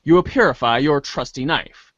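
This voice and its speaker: Here a man voices narration for a webcomic reader's theater, his tone a little high and fairly bright, his speed normal. The reading is dramatic and theatrical, with occasional slips and rereads, captured as dull audio with no room sound.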